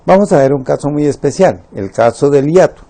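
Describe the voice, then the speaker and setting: A man teaching a Spanish lesson, slowly spelling out words syllable by syllable and counting them. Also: a little high, lively intonation, warm tone. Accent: Latin American Spanish.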